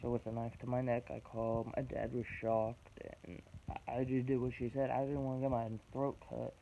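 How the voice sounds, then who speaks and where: A man's voice: monotone, vocal fry, mellow. Young man in his twenties, raw personal testimony, blunt with heavy swearing, dull lo-fi recording with a hiss behind him. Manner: blunt, halting, swearing, emotional. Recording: dull low-fi recording with background noise.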